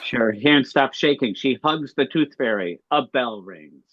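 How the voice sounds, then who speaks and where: Husky guy reading stage directions flat and plain, dry muffled call sound. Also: mid-range voice, unhurried, no room sound. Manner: matter-of-fact, plain. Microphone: video call.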